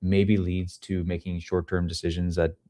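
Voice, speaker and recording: A man in his thirties, head of ecosystem at a crypto project, is a guest on a podcast, casually explaining things into a boom-arm podcast microphone in a small home room with studio gear. His low, mellow voice shows little pitch movement at a normal speed, with no room sound.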